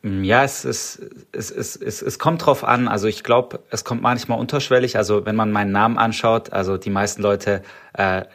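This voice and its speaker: A man's voice: on the low side, fairly even intonation, brisk, a bit bright. A young man from Stuttgart with a slight Swabian accent, a startup founder talking casually in an interview, rambling with many fillers and restarts. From Stuttgart, Germany. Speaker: startup co-founder, podcast guest.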